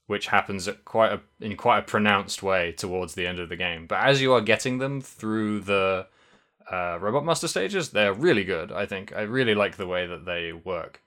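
A young man co-hosting a podcast chats casually about a video game in a fairly low, slightly bright voice. He rambles, corrects himself, and swears now and then.

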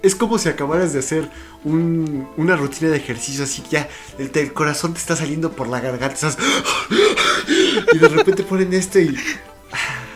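A man, co-hosting a podcast, talking about anime in a playful, expressive way that often sinks into a soft, hushed voice. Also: fairly high pitch, fast, faint music behind. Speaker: podcast co-host.

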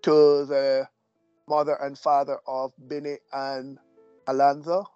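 A man from Jamaica with an announcer-like voice, telling his life story as a guest in a measured, gently humorous way. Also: mid-range voice, monotone, clean tone, no room sound, faint music behind. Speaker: guest, deacon. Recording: dull, dry audio.

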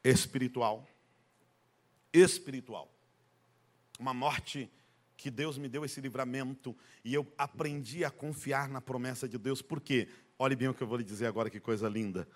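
A middle-aged man preaching a sermon at a church service, emphatic and calling out to the congregation, dropping to a hush and then rising high and loud. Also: fairly even intonation, normal speed. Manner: emphatic, call-and-response with the congregation; swings from hushed to loud, rising high when retelling a story. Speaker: pastor.

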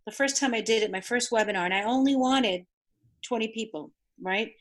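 Animated woman coach, Spanish native. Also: on the high side, brisk. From New York City. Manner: animated storyteller, acts out quoted voices. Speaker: business coach. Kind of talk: conversational interview.

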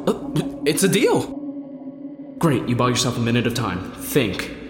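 A blustering, quick-witted drunken man as an actor plays him in a folk tale drama. He is defiant and indignant, his pitch leaping about, in an echoey space with music behind. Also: big pitch swings. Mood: anxious scheming.

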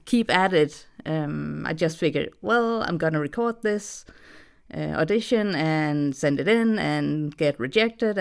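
A young adult Danish voice actress, speaking with a Danish accent, appears as a guest in a casual interview chat. Her voice is deep and creaky, and she's hesitant, using many fillers and laughing often.

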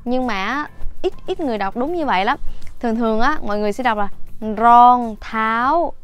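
A woman giving a casual vocabulary lesson, chatty and self-correcting, repeating each word slowly for learners. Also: on the high side, lively intonation, clean tone, faint music behind. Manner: slow repetition of words for learners. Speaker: language teacher.

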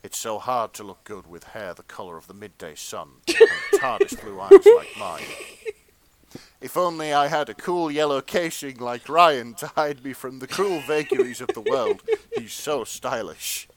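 A man's voice: mid-range voice, big pitch swings, moderate pace, rough recording. A man hosting a comedy podcast, reading fan fiction aloud with mock seriousness. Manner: mock-earnest reading, breaking into laughter. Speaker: podcast host.

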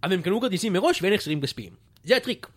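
Cocky slang-talking rapper, high and bouncy, put on by a man. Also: big pitch swings, breathy edge, full character voice. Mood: pushy. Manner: brash, slangy, quick to insult. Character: brash cocky male wannabe rapper, pushy. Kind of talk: comedy sketch acting.

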